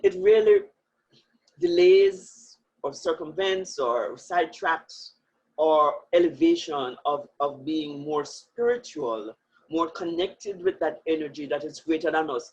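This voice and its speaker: Earnest woman with a husky voice. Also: deep voice, darkish tone. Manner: earnest, emphatic, laughs easily. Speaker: guest speaker. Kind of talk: reflective interview talk. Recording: muffled lo-fi audio.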